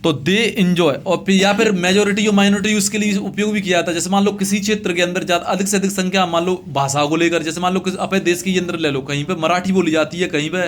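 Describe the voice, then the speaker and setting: This high, steady male voice belongs to a teacher with a north-central Indian accent giving an English lesson in Hindi. Phrases are read out slowly and carefully, then translated piece by piece, with plenty of repetition. He keeps asking questions and supplying the answers himself.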